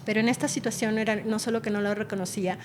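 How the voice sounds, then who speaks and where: A woman's voice: mid-range voice, fairly even intonation, quick pace, slight background noise. Woman neurologist explaining in conversation. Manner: explanatory, tells patient stories expressively. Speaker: neurologist guest. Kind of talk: conversational interview.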